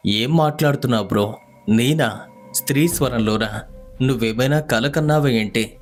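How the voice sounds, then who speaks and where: An easygoing young working man, as a male storyteller puts him on, speaking casually and sounding bewildered. His voice sits at an ordinary middle pitch. Soft music plays quietly underneath. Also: moderate pace, close to an everyday voice. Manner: casual, says "bro".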